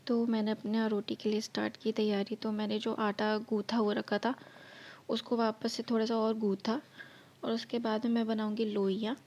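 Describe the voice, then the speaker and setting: A woman's voice: fairly high pitch, flat delivery, moderate pace, darkish tone, muffled recording. A woman narrating her cooking vlog, explaining each step in a chatty way, her throat slightly sore. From India. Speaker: vlogger.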